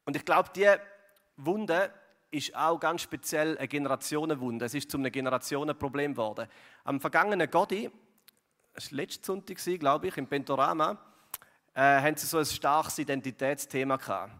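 A pastor with a Swiss German accent talks his way through a sermon in an easy, chatty manner, often tossing in fillers and little tag questions. His voice sits a touch high for a man, and it rings out with a long reverb tail from a large church hall. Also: moderate pace, fairly bright tone. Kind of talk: conversational sermon.

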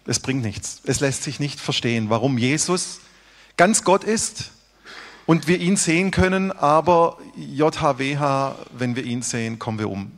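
A man preaching a sermon earnestly, rising for emphasis and dropping to hushed, dramatic lines. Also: mid-range voice, animated, measured pace, in a large hall. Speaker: pastor.

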